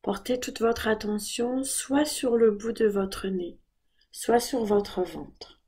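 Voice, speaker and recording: In a soft, breathy voice on the high side, a woman guides listeners through a body scan meditation. Her instructions are calm, gentle and unhurried.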